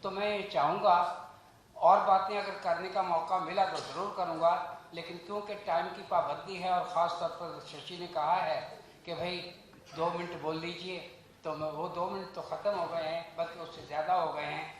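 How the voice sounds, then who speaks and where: Man, fairly high voice, measured and earnest speech at a launch event, very echoey hall. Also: steady tone, slight background noise. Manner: measured, earnest, rhetorical, recites verse. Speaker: guest speaker at a book launch. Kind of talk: formal speech on language and pronunciation.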